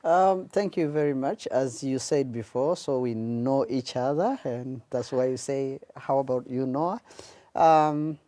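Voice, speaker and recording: A man from Tanzania, answering interview questions in a measured way with frequent hesitations. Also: medium pitch, warm tone, no echo. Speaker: guest, public relations officer.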